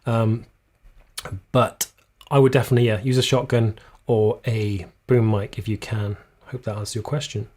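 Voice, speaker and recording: A man hosting a live videography Q&A stream, explaining gear casually, slightly losing his voice, recorded on a boom shotgun mic in a small room. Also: flat delivery, moderate pace, darkish tone. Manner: casual, explanatory, reads viewer comments aloud. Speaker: videography channel host. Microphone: shotgun boom mic just out of shot.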